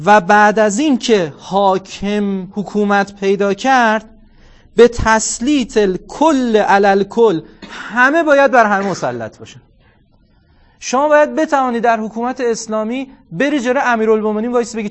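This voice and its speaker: A man in his forties delivers a religious lecture in a fairly high voice. He is animated, tells stories, and acts out bits of dialogue. He recites quotations in Arabic. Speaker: cleric lecturer.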